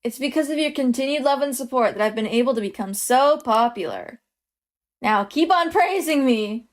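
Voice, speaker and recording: A woman's voice: sits high, animated, moderate pace. A woman voicing a smug, grandiose female idol who is secretly an eldritch god. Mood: haughty.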